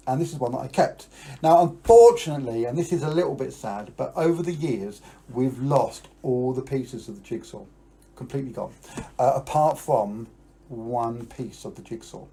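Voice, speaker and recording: A man's voice: mid-range voice, expressive, moderate pace, dark tone. A middle-aged British man hosting a live magic show for children, talking like a kids' party magician and urging the audience to join in.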